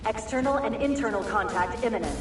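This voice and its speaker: A woman playing a ship's announcer, giving clipped, formal military orders over a public-address loudspeaker. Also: medium pitch, expressive, fairly quick. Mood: urgent, formal. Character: ship's female announcer calling marines to battle stations. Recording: echoey distant PA under loud music.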